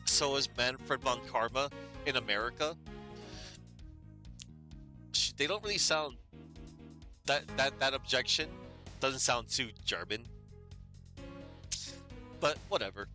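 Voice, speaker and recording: A man streams a game and chats casually in English, which isn't his first language, rambling and hesitating with many "like"s and laughing at himself. His mid-range voice is bright and forceful with lively intonation, slow and marked by long pauses. Soft music plays in the background.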